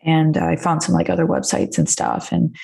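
A woman co-hosting a casual conversational podcast. Her voice sits a little low and has a lot of creak in it. She phrases things hesitantly and self-deprecatingly, and the mic is echoey, picking up a room with hard walls. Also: sing-song, normal speed, mellow. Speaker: podcast co-host. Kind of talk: casual chat.

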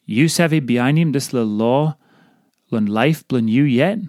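A man with a Papua New Guinean accent reading a scripted audio devotional, delivering it deliberately in short phrases. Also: mid-range voice, a little mellow, no room sound, clean studio sound. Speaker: devotional reader.

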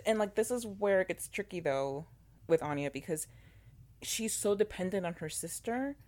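A woman in casual podcast chat, animated and full of fillers and restarts. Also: mid-range voice, normal speed. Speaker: podcast co-host. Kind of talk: casual chat about a TV show.

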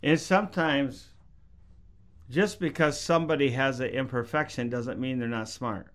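As a podcast guest, this middle-aged preacher shares faith stories in a casual way, performing quoted lines loudly. His medium-pitched voice is steady and a bit bright, moving at a moderate pace.

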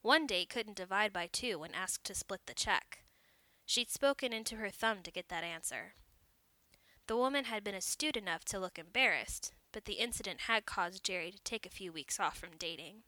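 A woman reads a short story aloud in a clear, measured way. Her voice is bright and forceful, mid-pitched, and the recording is dry and close with no room sound. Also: no room sound. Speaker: narrator. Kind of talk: scripted story narration.

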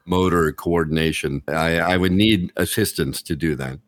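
A man hosting a podcast, chatting in an animated, enthusiastic, joking way. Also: low voice, moderate pace, dry recording, clean studio sound. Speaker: podcast host. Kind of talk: casual chat.

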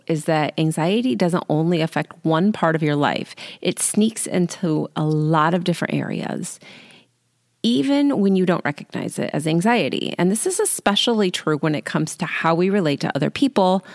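A woman's voice: on the low side, moderate pace, a little mellow, no room sound, clean studio sound. A woman in her late forties hosting a solo podcast, chatting casually and informally into a handheld microphone in a small closet. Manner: chatty, informal, self-deprecating. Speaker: podcast host and life coach. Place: small closet at home, sitting on the floor. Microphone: handheld microphone without pop filter.

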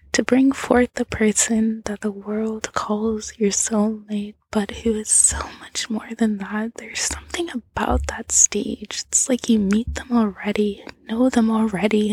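A woman narrating a whispered role-play, speaking softly and intimately to the listener on a close mic. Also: a little high, creaky, breathy edge, no echo.

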